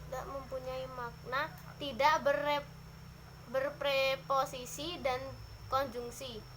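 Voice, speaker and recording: A young woman, a student, presenting a lesson on grammar in a measured, list-like way with a few hesitations. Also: sits high, sharp tone, slight background noise, poor audio. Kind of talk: class presentation on syntax.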